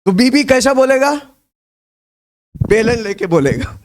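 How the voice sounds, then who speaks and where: A fervent preacher from India with a notably high voice for a man moves a little slowly through his sermon, telling vivid stories with lots of repetition. Energetic and insistent, he keeps urging the congregation to echo his words in rousing call-and-response.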